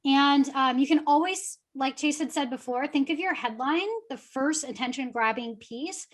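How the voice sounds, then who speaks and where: A high-pitched young woman talks fast and loose, full of fillers and upbeat energy. She coaches an audience in a casual, friendly webinar tone. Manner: chatty, upbeat, filler-heavy. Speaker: guest social media coach.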